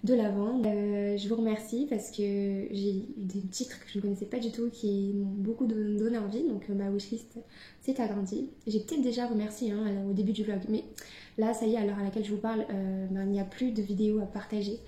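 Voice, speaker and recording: A woman's voice: medium pitch, fairly even intonation, a little fast, warm tone. A young woman book vlogger chatting casually to camera at home, hesitant with many fillers and restarts. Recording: echoey room.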